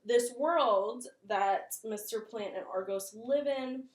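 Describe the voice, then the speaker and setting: In a roomy, echoing space, a woman who runs a horror video channel takes it slowly as she chats through her video commentary. She rambles and pokes fun at herself, her voice pitched on the high side.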